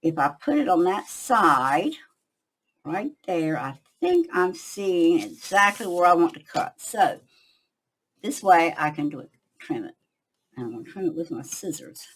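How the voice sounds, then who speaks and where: An older woman hosts a relaxed crafting lesson from her own craft shop. Her voice sits a little low, and she talks chattily to her viewers. She drifts into half-finished thoughts whenever she concentrates on her work. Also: a little slow, breathy edge, rough recording. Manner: chatty, talks to viewers while working, trails off when concentrating. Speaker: craft tutorial host. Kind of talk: casual crafting tutorial.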